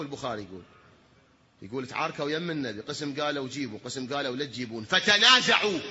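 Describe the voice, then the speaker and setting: Iraqi preacher with a sharp, forceful voice. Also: male voice, on the high side, slight background noise. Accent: Iraqi Arabic. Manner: rhetorical questions, swings from hushed to shouting. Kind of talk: sermon. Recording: dull lo-fi recording.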